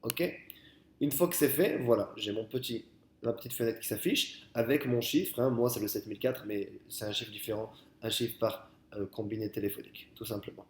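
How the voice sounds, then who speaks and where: French man explaining software, echoey room. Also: fairly low pitch, moderate pace, slight background noise. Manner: casual and explanatory, many fillers and restarts. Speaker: software trainer. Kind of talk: screen-recorded software tutorial. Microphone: headset.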